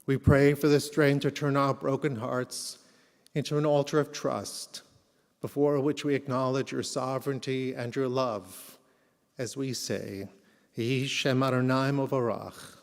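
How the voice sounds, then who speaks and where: A man delivers a memorial sermon as a rabbi in a reverberant hall. His delivery is solemn and unhurried, with reverent, measured phrasing and a medium-pitched voice. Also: fairly even intonation, creaky, a little mellow. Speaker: rabbi leading a memorial service. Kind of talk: eulogy sermon with scripture reading and prayer.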